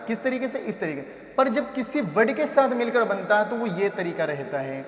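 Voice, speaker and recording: A man with a high voice teaches children to read letter by letter. He sounds out each syllable and answers his own questions. His voice rings out in an echoey room with a long reverb tail. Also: animated. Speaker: Quran reading teacher.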